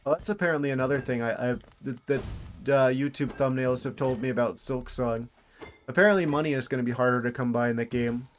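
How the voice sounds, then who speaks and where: A man's voice: mid-range voice, steady tone, brisk, faint music behind. A man streaming a video game, thinking aloud in a casual, dryly humorous way. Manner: musing aloud, dry self-aware humor. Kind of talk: casual gameplay commentary.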